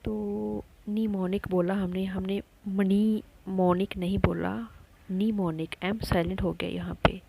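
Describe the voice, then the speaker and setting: Slow, gravelly woman teaching a lesson. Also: medium pitch, steady tone, dark tone, slight background noise, low-quality recording. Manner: slow, patient, repeats words with many pauses and fillers. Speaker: teacher running an education channel. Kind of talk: slow spoken lesson on spelling.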